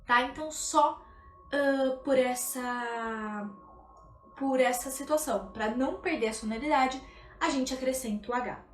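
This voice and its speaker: A woman teaching Italian in a live online lesson. She explains patiently, often checks in with "tá?", and slows down to model pronunciation. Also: high voice, a little hiss or hum. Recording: echoey room, livestream audio.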